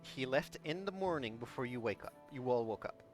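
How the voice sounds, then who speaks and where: A man's voice: medium pitch, expressive, fairly quick. A man narrating a tabletop game as game master, explaining things to the players. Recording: music under the voice.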